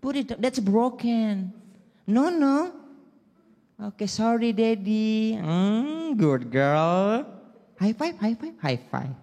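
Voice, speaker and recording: A man's voice: high voice, big pitch swings, drawn-out words, voice pushed up, exaggerated voice. A man doing a posh, coaxing young dad. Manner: soft, overly patient, coaxing. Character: posh young father sweet-talking his little daughter. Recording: echoey hall.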